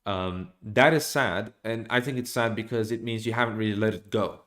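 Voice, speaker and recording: Streaming from a small room at home, a young Norwegian man delivers an opinionated monologue to the webcam on his desk. He gestures animatedly and restarts often, speaking at a moderate pace in a voice on the low side.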